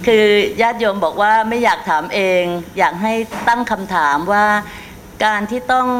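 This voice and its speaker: A middle-aged woman, a lay follower, politely puts questions to a monk, speaking in a halting way with restarts. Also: medium pitch, slight background noise.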